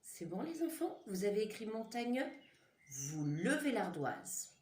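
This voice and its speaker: A woman teacher dictates syllables to young children at a careful, drawn-out pace, her pitch rising and falling with lively emphasis. Her voice sits on the low side for a woman. She is picked up by the camera in a roomy, echoing classroom. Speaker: primary school teacher. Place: classroom with a board. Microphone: camera mic.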